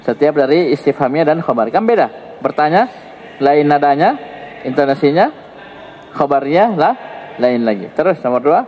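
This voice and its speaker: A male teacher with an Indonesian accent talks through an Arabic grammar lesson in a fairly high voice. He jokes with the students and moves his pitch up and down to demonstrate intonation. His voice rings with a long reverb, as if he is in a hall. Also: moderate pace, pauses often. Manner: lively, joking, swings pitch up and down to show intonation. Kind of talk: classroom lesson explaining grammar.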